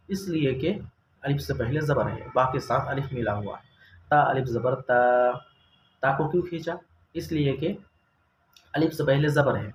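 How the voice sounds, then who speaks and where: Male Quran-reading teacher, patient and methodical, stretches out example sounds, echoey room, faint hiss. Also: mid-range voice. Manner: patient, asks questions then answers them, drawls example sounds. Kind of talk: step-by-step recorded lesson. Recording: roomy echo, faint ambient noise.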